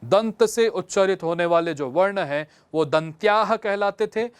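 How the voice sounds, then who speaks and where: A man's voice: high-pitched, measured pace, clear, resonant tone, no echo. A male teacher giving a lesson, explaining patiently step by step and repeating examples for his students. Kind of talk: classroom lesson.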